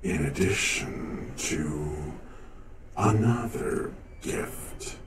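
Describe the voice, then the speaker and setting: A man voicing a slow, gravelly male dealer who offers eerie gifts in a tabletop game. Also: animated, exaggerated voice. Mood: ominous. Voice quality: gravelly, deep drawl. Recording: roomy, distant, heavy noise.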